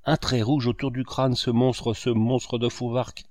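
A man reading a young woman's soft murmurs. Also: medium pitch, little pitch movement, unhurried, no room sound, studio quality, lightly acted. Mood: teasing. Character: young naive woman, teasing and lively. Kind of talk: audiobook character reading.

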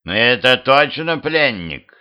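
A cold, menacing skeletal beast with a hairless wolf's muzzle, as a man puts it on growls out each word slowly. The voice sits at a middling pitch, and the home-made recording sounds muffled and lo-fi. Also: sing-song. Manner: slow, growled delivery.

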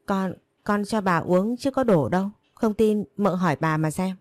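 A woman's voice: lowish voice, normal speed, a little mellow, dry recording, lightly acted. A woman voicing a brash young female servant in a read-aloud story, whiny and insolent. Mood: defensive.

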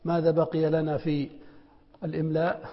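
A man's voice: a little high, monotone, a little fast. A middle-aged man teaching a classroom lesson on spelling, asking students questions and then answering them himself. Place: lecture hall with students. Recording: dull lo-fi recording with long hall reverb.

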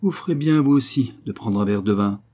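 Male reader doing a brusque, cold husband: low, husky, and clipped. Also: animated, fairly quick, dark tone. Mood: curt. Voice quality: low and rough. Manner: brusque, impatient. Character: cold, curt aristocratic husband, middle-aged.

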